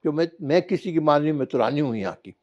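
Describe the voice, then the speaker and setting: A man voices a vain mother who has been made young again in a spoken parable. She sounds haughty and self-satisfied, with a raised, lively pitch. The recording is a little dull. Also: fast, close to an everyday voice. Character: old mother turned young, vain and carefree woman.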